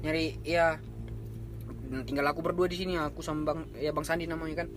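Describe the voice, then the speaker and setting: Fast-talking man telling a ghost story. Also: on the high side, level tone, a bit bright, slight background noise. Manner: rambling, slangy, repeats himself while describing. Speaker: storyteller on a horror podcast. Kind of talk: casual chat, telling a camping ghost story.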